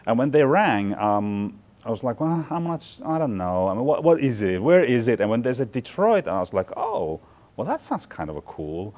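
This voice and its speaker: Speaking at normal speed in a very animated, medium-pitched, slightly mellow voice, a fashion department chair from Finland in his forties answers interview questions thoughtfully and chattily. Fillers and restarts are frequent, and the setting is a big, bright studio loft.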